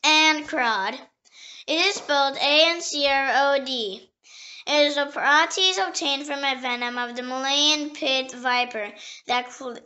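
A woman with a high, bright voice reads dictionary entries aloud at a slow, careful pace. She spells each headword letter by letter and now and then trips over a word and starts it again. The recording sounds dull and lo-fi. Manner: slow, careful reading, spelling words letter by letter, with small slips and restarts. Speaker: dictionary reader.

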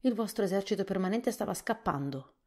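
A woman reading a storybook softly, voicing a nervous, apologetic male soldier. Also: medium pitch, animated, a little fast, voice pushed up, close to an everyday voice. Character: timid male soldier with big whiskers.

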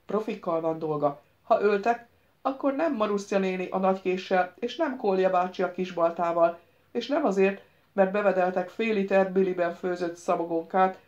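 A woman voicing a stout mustached official, commanding, lecturing, audiobook, muffled lo-fi sound, mid-pitched. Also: a little mellow, lightly acted. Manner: lecturing, deliberate, firm. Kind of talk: audiobook reading.

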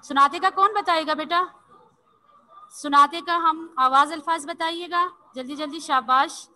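Bright high-voiced woman teaching online. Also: poor audio. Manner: repeats "theek hai" constantly and spells words letter by letter slowly; patient and coaxing, calls pupils "beta". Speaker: Urdu teacher. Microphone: video call.

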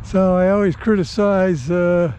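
An older man giving offhand, halting commentary outdoors while flying a model plane on a windy day. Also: high-pitched, fairly even intonation, dark tone. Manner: offhand, halting, self-deprecating. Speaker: RC hobby pilot.

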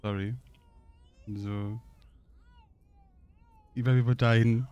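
A young man giving casual, excitable gaming commentary, swearing and laughing often as he plays. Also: mid-range voice, slow pace, clear, resonant tone, highs cut off. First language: German. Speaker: let's play gamer.

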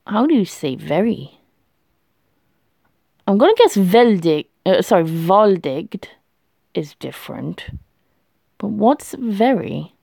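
A woman vlogger talks her way through a quiz in a slow, unhurried voice that swings up and down in pitch. She chats to herself and laughs a lot. The sound is dry and close. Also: big pitch swings, creaky, dark tone, breathy edge, dry recording. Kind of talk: casual thinking aloud while doing a language quiz.

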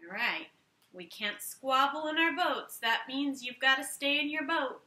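A woman in her thirties with a high, sharp, animated voice reads a children's story aloud a little slowly and expressively, telling young listeners how to play along. A camera a few feet away captures her in a living room with a roomy echo.

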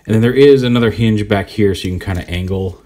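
A man giving a relaxed, rambling hands-on toy review, thinking aloud as he poses the figure. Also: fairly low pitch, quick pace. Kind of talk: casual hands-on product review.

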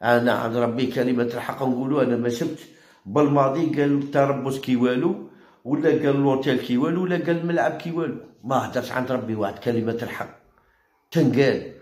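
A man with an Algerian Arabic accent hosting a football channel, ranting heatedly and mockingly, repeating himself and jumping high in pitch when worked up. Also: fast, a little mellow, roomy sound. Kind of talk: heated opinion rant.

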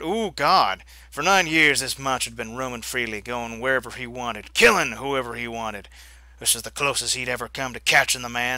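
Excitable man reading a story game aloud. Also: medium pitch, no echo. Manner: excitable, swearing, reacts loudly to choices. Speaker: gameplay video host.

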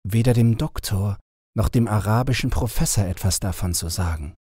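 A man's voice: on the low side, moderate pace, darkish tone, breathy edge, no echo, clean studio sound. A man voicing a young male captive prince who pleads earnestly for help, in an audiobook reading. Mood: earnest pleading.

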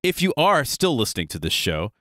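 Animated, jokey male podcast host. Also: mid-range voice, brisk, dry recording, studio quality. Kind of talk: casual panel chat.

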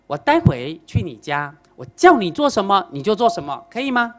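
A woman's voice: mid-range voice, big pitch swings, moderate pace, lightly acted. A woman doing a wise old Zen master, patient and teasing. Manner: patient, lecturing, playful teasing.

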